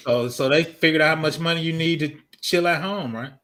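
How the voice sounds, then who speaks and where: Laughing man in his fifties, bright voice. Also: fairly high pitch, a little fast. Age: 50s. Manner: laughs often, talks with energy about tech history. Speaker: host. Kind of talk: casual chat.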